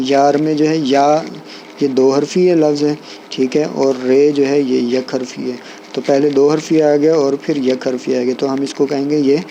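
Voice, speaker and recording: A man's voice: on the high side, mellow, a little hiss or hum, low-quality recording. A man teaching poetry in a recorded lecture, explaining patiently and often checking in with his listeners.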